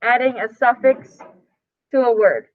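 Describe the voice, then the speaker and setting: A woman's voice: on the high side, measured pace, slight background noise. A woman teaching a live class lesson, explaining step by step in a casual, chatty way. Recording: tinny phone-like sound.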